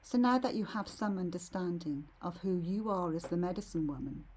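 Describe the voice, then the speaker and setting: A woman leading a guided meditation in a serene, soothing, soft and slightly husky voice. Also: on the low side, animated. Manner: serene, unhurried, soothing delivery.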